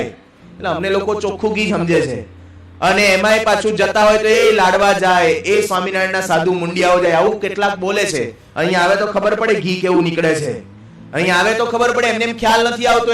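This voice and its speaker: A man, a monk, telling a story in a sermon, quickly and briefly voicing the characters in lower tones. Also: fairly bright tone. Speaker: monk preacher. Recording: echoey hall, distant mic.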